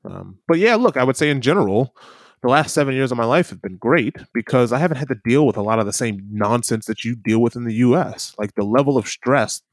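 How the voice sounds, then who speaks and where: Chatty and quick to laugh, a man in his thirties from the American Midwest argues his side during a casual conversation. He speaks a little fast in an animated, mid-range voice, and the recording is dry and studio quality.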